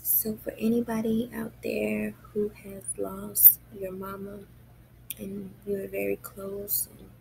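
A woman speaking in hushed, breathy late-night pillow talk, often near a whisper, with halting phrases and long pauses, as an intimate personal monologue. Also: medium pitch, monotone. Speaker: video maker. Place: quiet room indoors at night. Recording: noisy room, clear background noise.

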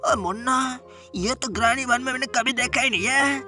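Teasing big-brother toon, bright and exclamatory, played by a man. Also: extremely high pitch, normal speed, soft background music, full character voice. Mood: puzzled. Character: bossy older-brother cartoon buddy.

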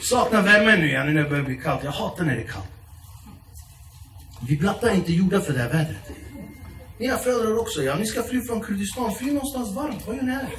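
A man performing stand-up comedy on stage, animated and acting out his relatives in loud, shouting voices. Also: sits high, a little hiss or hum. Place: theatre stage before a live audience. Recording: roomy live stage sound from a distance, loud laughing audience.

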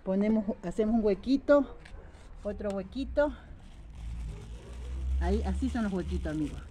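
Speaking Ecuadorian highland Spanish in a mellow, expressive voice at a moderate pace, a woman vlogs on her phone while planting vegetables in her garden. She's chatty and repetitive, goes step by step, and treats her viewers as friends, while animals and traffic sound in the background of this casual how-to.

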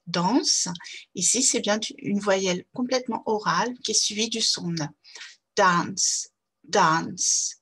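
A woman teaching English vowels to French children, saying each word slowly and repeating it with care. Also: mid-range voice, a bit bright, husky. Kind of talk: slow, careful pronunciation lesson.

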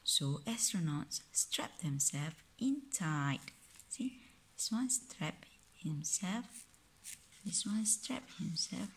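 This phone recording from home has a Malaysian-accented man reading a picture book aloud to a child, gentle and often half-whispered, with playful noises mixed in. Pitched high with lively intonation, he reads slowly, and a faint hiss or hum is present.

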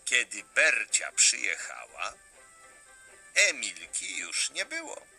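A man reading a children's story aloud, expressive and animated. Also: fairly low pitch, takes it slowly, soft background music.

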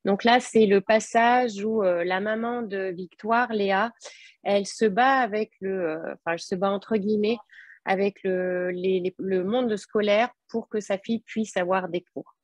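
A woman from southern France reads a chapter of her own novel in a dry, close-sounding voice at a middle pitch. She speaks earnestly, pausing on fillers when she talks off the page. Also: steady tone, no echo. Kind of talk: introduction then literary reading.

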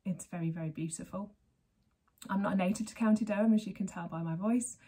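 A thirty-something Englishwoman from Berkshire hosts a knitting podcast from her sunny living room, chatting casually to camera, rambling and laughing a lot. Her voice is medium-pitched, quick, mellow and husky. The camera picks her up from about desk distance.

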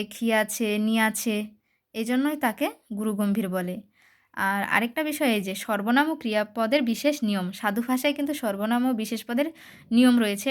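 Slightly high-voiced woman tutor. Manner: repetitive, addresses students directly, with fillers. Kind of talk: exam-focused classroom lesson.

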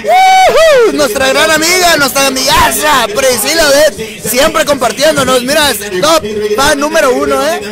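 A man's voice: very high voice, steady tone, normal speed, loud music behind the voice, over a noisy crowd. A man co-hosting a car auction live stream, promoting it emphatically with showman-like repeated phrases from a crowded outdoor lot.

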